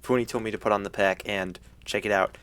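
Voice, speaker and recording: A young man giving casual gameplay commentary in an excitable frat-bro way, full of slang like dude and bro. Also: on the low side, fast talker. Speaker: gaming video host.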